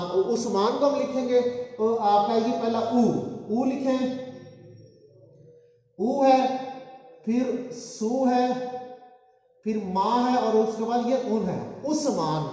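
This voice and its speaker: A man's voice: sits high, dark tone. A man from Pakistan teaching a Japanese writing lesson, patient and repetitive, asking the class quiz questions and answering them himself. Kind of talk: classroom-style lesson explaining how to write names. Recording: very echoey hall sound, dull lo-fi audio.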